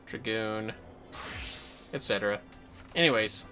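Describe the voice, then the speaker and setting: Over soft background music, a gaming streamer with an androgynous voice chats casually and playfully, muttering under their breath and cursing freely. Their medium-pitched voice sounds pushed and bright, and they speak a little slowly.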